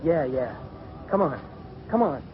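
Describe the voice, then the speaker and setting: A man's voice: on the high side, very animated, measured pace. A man playing a bitter, surly street boy in an old radio drama, talking in curt slang. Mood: curt, sullen. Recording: muffled, noisy old radio recording.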